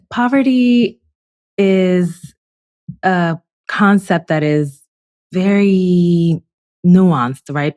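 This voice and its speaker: A low-voiced woman from the Dominican Republic, a psychologist appearing as a podcast guest. She speaks thoughtfully, stopping often to find her words. The sound is dry and close to the mic. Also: darkish tone, dry recording. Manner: thoughtful, with frequent fillers and pauses. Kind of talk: casual podcast interview.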